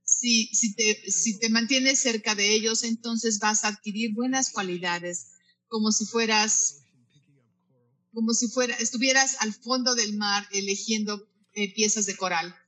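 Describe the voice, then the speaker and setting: Bright-toned teacher with halting, repeating delivery. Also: medium pitch, low-quality recording. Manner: halting, often repeats and restarts words mid-phrase; addresses listeners directly with questions and asides. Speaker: Buddhist teacher. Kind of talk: spoken teaching on Buddhist practice.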